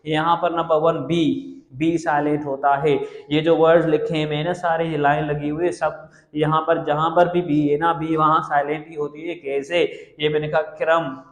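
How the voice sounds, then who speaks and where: A man with a somewhat high voice teaches a classroom lecture, saying each word several times and spelling it out letter by letter. The room rings with a long, echoey reverb around him. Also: level tone. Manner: repeats words slowly, spelling letters aloud. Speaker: English teacher.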